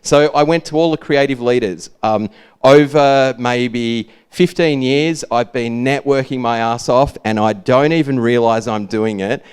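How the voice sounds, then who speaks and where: A man's voice: medium pitch, measured pace, smooth. A man with an Australian accent and a lazy, laid-back drawl, giving an informal, rambling talk about his own work. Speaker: speaker presenting own brand work.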